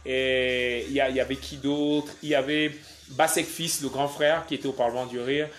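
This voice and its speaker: A man's voice: medium pitch, fairly even intonation, moderate pace, slight background noise. Joking Cameroonian man live-streaming. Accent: Cameroonian French. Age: young adult. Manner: playful, joking, reads viewer comments aloud. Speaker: comedian doing a live stream. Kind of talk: casual live-stream chat.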